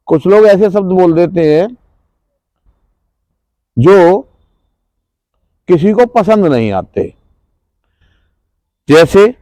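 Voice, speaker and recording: Male trainer lecturing a class; raised, dark-toned voice, quizzes listeners and repeats key terms. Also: fairly high pitch, dry recording. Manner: questions the class, then answers, repeats key words. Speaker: trainer at a rural self-employment institute.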